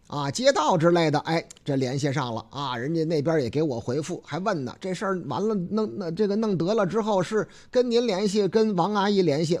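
A man with a Beijing accent hosting a casual radio talk show, chatty and folksy with drawn-out filler particles. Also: fairly high pitch. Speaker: radio host.

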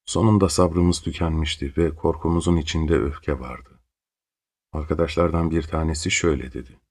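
A man reading a story aloud in a slow, grave and intense manner. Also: very deep voice, steady tone, a little mellow. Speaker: narrator. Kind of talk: dramatic audiobook narration.

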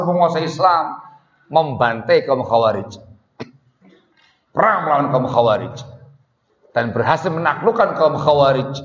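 A man's voice: a little high, a bit bright. Man preaching in an echoey hall. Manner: storytelling with Arabic phrases, repeats words for emphasis. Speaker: Islamic preacher. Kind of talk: religious lecture. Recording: muffled echoey hall recording.

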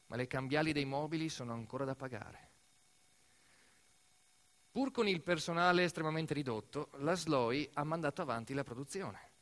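A male actor performs a dramatic narrative monologue, telling the story deliberately in short, weighted phrases. His voice is on the high side and a bit bright. Music plays in the background.

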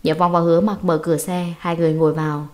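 A woman reading a dramatic story aloud as an audiobook narrator, in a steady, earnest way. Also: lowish voice, quick pace.

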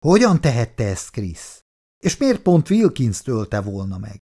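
A male narrator voicing a stern female colony leader with a low, steely, clipped delivery. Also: sing-song, warm tone, slightly rough. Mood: demanding.

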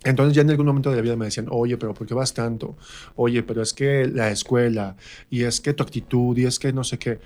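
A stage actor with a central Mexican accent is a guest on a radio interview, casually telling personal stories and acting out remarks he remembers. His mid-range voice is brisk and steady, with a darkish tone.

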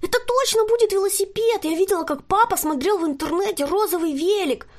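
A woman voicing an excitable little girl, shrill and breathless, in a storybook reading. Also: brisk. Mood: excited. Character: excitable little girl who adores her grandmother.

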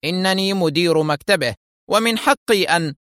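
A man's voice: fairly high pitch, animated, normal speed, fairly bright tone, no echo, clean studio sound, voice pushed up. A man voicing a scheming office manager who is polite on the surface and turns sneering. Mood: irritated. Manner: smooth and courteous, then sneering. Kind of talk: audiobook character voice.

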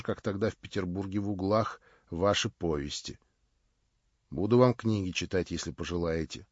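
A man voicing a grim, restrained young nobleman who speaks low and measured, in a dull, dry recording. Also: no echo, natural voice.

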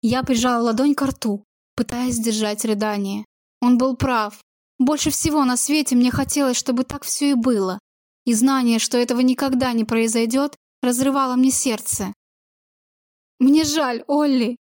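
A woman's voice: a little high, fairly even intonation, normal speed, darkish tone, no room sound. A woman reading a first-person novel as an audiobook, emotional and intimate, on a close mic. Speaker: audiobook narrator.

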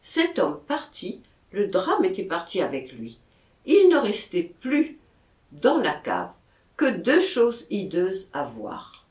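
A woman reading a classic novel aloud in a measured, expressive style. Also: medium pitch. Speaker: audiobook reader. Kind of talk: literary narration. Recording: echoey room.

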